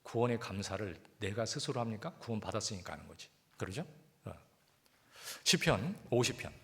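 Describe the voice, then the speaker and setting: Male pastor mid-sermon, lively rising and falling delivery, talks with the congregation. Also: lowish voice, normal speed. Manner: lively, conversational preaching with rhetorical questions. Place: church hall.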